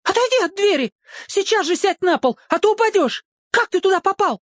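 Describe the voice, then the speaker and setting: A shrill storybook mother, frightened and scolding, her voice leaping far above the narration. She shouts orders in a high, panicked pitch. The sound is close and dry. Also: animated, brisk, no echo.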